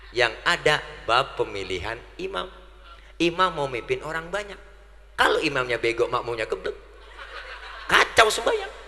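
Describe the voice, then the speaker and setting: A man preaches a comedic sermon in a very bright, sharp voice. He jokes in punchy bursts and keeps asking the crowd to answer back. A long reverb from the hall trails every line. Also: medium pitch, a little hiss or hum. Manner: jokey, punchy call-and-response with the crowd.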